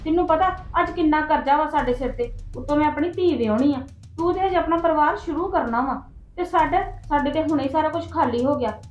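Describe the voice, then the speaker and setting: A woman's voice: high voice, fast talker, close to an everyday voice. A woman playing a weary, debt-burdened sister-in-law. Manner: weary and lecturing. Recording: echoey room with soft music.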